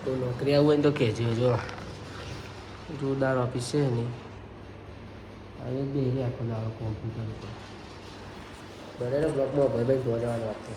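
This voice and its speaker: A man's voice: medium pitch, normal speed, long pauses. Guy showing stuff off on a phone vid, upbeat, lots of noise behind. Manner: lively, showing things off to the camera. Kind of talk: casual vlog chat. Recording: phone video with steady background noise.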